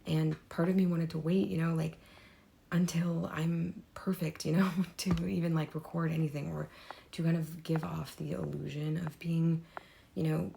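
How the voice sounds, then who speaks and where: Woman, deep gravelly hoarse voice, rambling candid vlog from her home art room, faint hiss. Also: warm tone. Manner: rambling, many fillers and restarts. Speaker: artist vlogger. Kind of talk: unscripted personal vlog. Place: home room with desks and easel.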